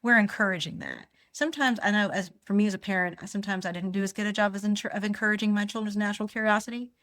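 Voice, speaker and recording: A woman's voice: medium pitch, steady tone, racing, a bit bright. A middle-aged woman physician, a podcast guest who explains conflict and acts out short example dialogues. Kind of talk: conversational podcast interview.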